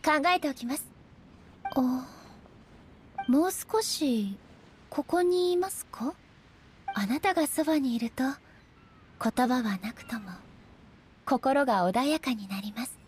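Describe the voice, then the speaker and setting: A woman playing a regal, solemn female shogun and swordswoman in a game, speaking formally and with measured stateliness. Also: high voice, a little hiss or hum. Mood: calm, gentle. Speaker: voice actor. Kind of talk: Japanese anime-style game character voice lines.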